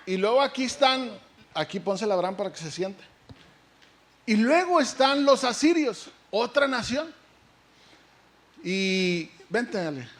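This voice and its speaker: A male pastor preaching a lively sermon, asking the congregation questions and acting out the story. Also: sits high, measured pace, long pauses.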